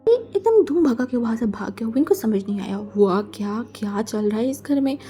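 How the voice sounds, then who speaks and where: A woman's voice: fairly high pitch, lively intonation, normal speed, mellow. A woman narrating a fan fiction story in a chatty, casual way, mixing in English words. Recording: faint background music.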